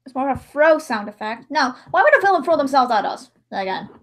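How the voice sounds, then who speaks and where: This livestream host, who also does amateur voice-over editing, chats casually while editing in a rambling, theatrical way punctuated by sudden mock-dramatic outbursts. Her high voice is fairly bright, swings widely in pitch and runs a little fast.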